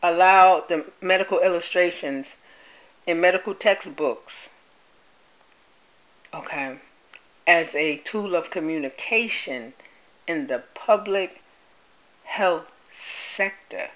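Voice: medium pitch, takes it slowly, pauses often, fairly bright tone, rough recording. A vlogger giving casual news commentary, repeating points and spelling out names like a teacher, with frequent laughs. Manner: laughs often.

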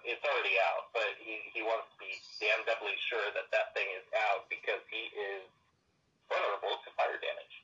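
A man playing a tabletop roleplaying game over a call, his voice thin and tinny like a walkie-talkie with no bass, halting and restarting as he thinks aloud. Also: level tone, bright, forceful tone. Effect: thin, tinny walkie-talkie-like sound with no bass. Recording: faint lo-fi mic far from the speaker.

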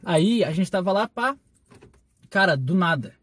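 A man's voice: sits high, expressive, fairly bright tone, dry recording. A young man from southern Brazil telling a rambling, slangy story in casual podcast chat. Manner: rambling, slangy, quick anecdotes with frequent "tá ligado". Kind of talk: casual storytelling among friends.

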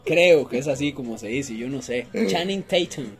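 A man's voice: on the high side, normal speed. A young man with a Costa Rican accent, co-hosting a casual podcast and telling stories with lots of slang. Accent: Costa Rican Spanish. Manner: joking, animated storytelling with slang. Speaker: podcast co-host. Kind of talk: casual chat.

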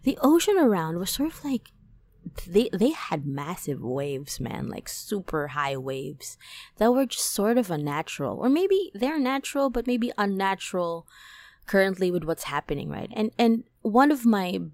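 A woman hosting a podcast, telling a dream story in a casual, animated way, packed with "like" and "right?", her voice climbing high when excited. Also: moderate pace. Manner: animated, many fillers like "like" and "right?". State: toothache, on medication. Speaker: podcast host.

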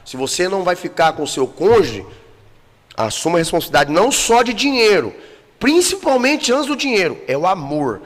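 A guest with a Brazilian Portuguese accent tells his life story on a casual podcast, blunt, emotional and swearing plenty. His high voice is sing-song at a moderate pace, trailed by a long reverb.

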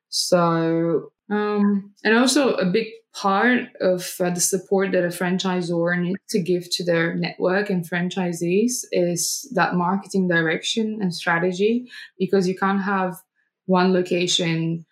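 Woman, low-pitched, interview guest, explanatory, frequent fillers. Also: rough recording. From Bulgaria. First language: Bulgarian. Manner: fluent and explanatory, with frequent ums and restarts. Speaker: guest, marketing agency director. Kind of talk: conversational interview answers.

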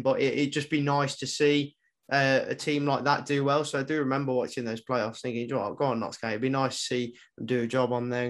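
A man with an English Midlands accent hosting a casual podcast interview, chatty and quick to laugh. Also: medium pitch. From England. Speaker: podcast host.

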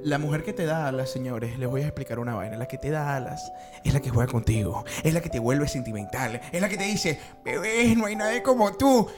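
A man's voice: medium pitch, a little fast, music in the background. A Venezuelan man co-hosting a podcast, explaining his views with self-mocking humor. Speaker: podcast co-host. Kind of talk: casual chat.

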